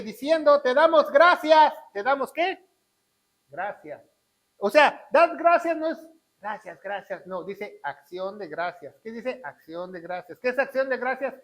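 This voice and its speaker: A middle-aged man preaching a sermon as pastor, swinging between loud exclamations and quiet asides. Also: high voice, lively intonation, a little slow, poor audio.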